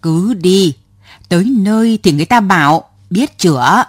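A woman's voice: medium pitch, expressive, measured pace, slightly rough, dry recording, studio quality. A woman voicing a stubborn passenger in her seventies who answers curtly and refuses to get off, in a storybook reading. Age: 70s. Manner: curt, stubborn. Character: stubborn elderly woman passenger, curt and unruffled.

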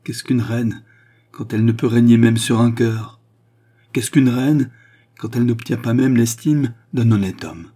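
A man's voice: on the low side, steady tone, moderate pace, mellow, husky. A man voicing a proud, wounded queen in an audiobook, speaking with impassioned, bitter pleading. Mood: despairing.

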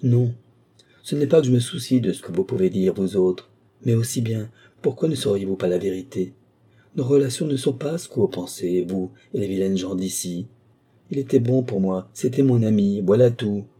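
A man reading the part of a proud young woman who answers back with sharp, scornful defiance. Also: on the low side, moderate pace, slightly rough.

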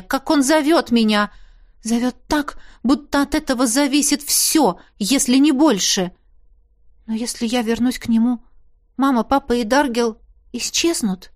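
Woman reading an emotional audiobook. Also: on the high side. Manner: intimate, emotional storytelling. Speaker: audiobook reader. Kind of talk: first-person audiobook narration.

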